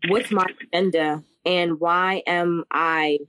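A woman's voice: on the low side, fairly even intonation, takes it slowly, fairly bright tone, smooth, dry recording, rough recording. A woman hosting a podcast, asking questions in a casual way, full of "like" and "um". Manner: casual, many fillers like "like" and "um". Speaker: podcast host. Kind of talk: casual interview chat.

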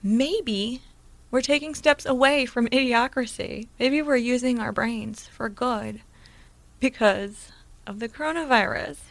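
A woman's voice: a little high, unhurried, no room sound. Chatty, musing woman co-host. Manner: musing, chatty, full of questions. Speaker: podcast co-host. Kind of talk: casual chat.

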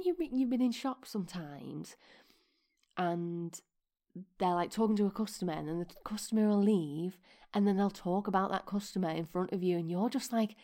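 A woman's voice: medium pitch, warm tone. A woman hosting her podcast, chatting casually with whispered asides while her voice keeps cracking. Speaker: podcast host.

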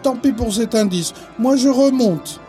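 A man voicing an excitable young boy who scares easily, in a storybook reading. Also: sits high, soft background music, pitched above the performer's own voice, exaggerated voice. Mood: worried. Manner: excitable, quick to worry. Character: eager boy visiting from elsewhere, easily scared. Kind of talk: storybook narration.

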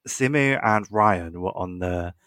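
A man's voice: deep voice, slow pace, a bit bright, no echo. A young man, co-hosting a podcast and gushing in casual, filler-heavy chat. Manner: gushing, chatty, lots of fillers. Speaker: podcast co-host.

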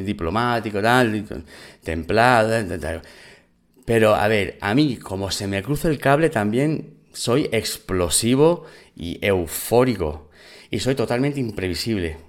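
A man with a Spain Spanish accent telling a personal story in casual, animated, profane talk. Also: fairly low pitch, measured pace.

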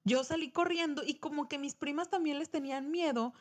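A young woman with a high voice and a Mexican Spanish accent tells a childhood story. She is a podcast co-host and keeps it casual. She jumps into the voices of the people in her story. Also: brisk. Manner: animated, acts out quoted voices.

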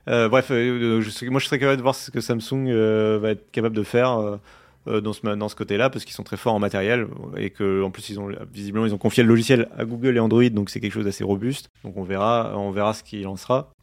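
A young man in casual live-stream chat about tech, hesitant, with many fillers and restarts. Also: on the low side. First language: French.

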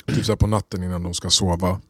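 A man's voice: sits low, dry recording. A young man on a podcast, chatting casually about parenting and acting out little scenes with his kids. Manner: animated storyteller, acts out quotes of his kids. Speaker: podcast co-host. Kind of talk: casual chat.

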